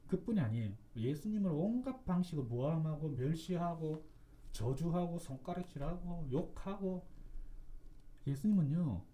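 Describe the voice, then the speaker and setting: A man's voice: high-pitched, warm tone. A man giving an impassioned preaching talk, emphatic and repetitive, full of rhetorical questions. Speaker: religious commentator.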